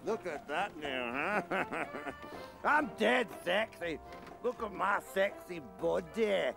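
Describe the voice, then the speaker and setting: A man's voice in a played clip, boasting about his sexy body in a gravelly, drawn-out way. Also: high voice, animated, over music, voice pushed up, exaggerated voice. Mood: boastful.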